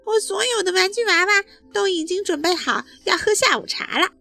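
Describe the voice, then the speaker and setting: A woman voicing a little girl bear cub who pleads and whines in a high voice. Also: fairly quick, vocal fry, sharp tone, faint music behind, exaggerated voice. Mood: eager.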